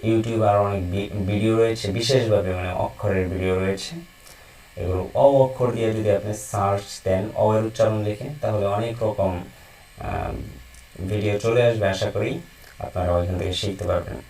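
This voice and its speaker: A man teaching Quran reading, chanting letter-and-vowel drills slowly and explaining in between. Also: on the low side, fairly even intonation, darkish tone. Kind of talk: recorded lesson, slow drilled recitation. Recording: roomy echo from a distance.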